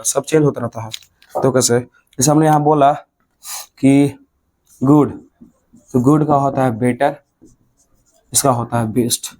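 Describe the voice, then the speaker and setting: A man's voice: medium pitch, a little mellow. A man with a Bihari Hindi accent teaching English grammar at a classroom board, repeating each point and stretching words out syllable by syllable.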